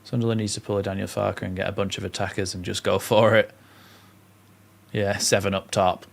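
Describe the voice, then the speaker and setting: With a fairly low, level voice touched by vocal fry, a young northern English man calls a live match fairly quickly on a watchalong stream. He reads viewer comments out between bursts of play-by-play and chats with the audience.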